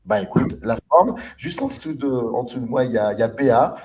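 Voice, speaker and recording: A man's voice: medium pitch, animated, a little fast, a little mellow, slight background noise. A man hosting a film discussion show in a casual, hesitant way, with lots of fillers and restarts as he introduces guests and films.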